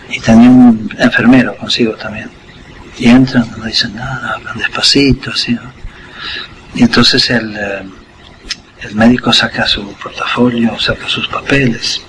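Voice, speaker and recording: An older man, a guest on a school radio program, telling a personal story in an unhurried way and acting out the scene with short asides. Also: mid-range voice, a bit bright, a little hiss or hum, low-quality recording. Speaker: interview guest.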